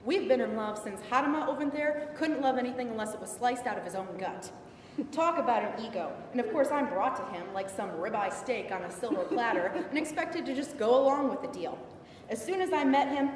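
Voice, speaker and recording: Defiant, sardonic first woman of scripture played by a young female student, stage monologue, higher voice, distant in a reverberant hall. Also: lively intonation, a little fast, lightly acted. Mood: sardonic, angry. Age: young adult. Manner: sarcastic, emphatic, conversational. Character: defiant, indignant biblical Eve, sardonic and frank. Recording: echoey hall from far off, some noise.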